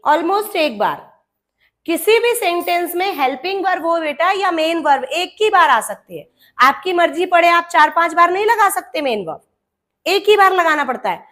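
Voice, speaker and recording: A woman's voice: very high-pitched, fairly bright tone. A woman teaching English grammar to students. She calls them "beta" and acts out little dialogues between grammar words. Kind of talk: classroom lesson.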